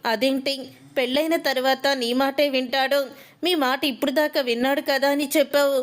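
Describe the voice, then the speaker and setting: A woman's voice: high voice, fairly even intonation, moderate pace, close to an everyday voice. A woman reading as a domineering mother-in-law. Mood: scolding. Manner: scolding, threatening.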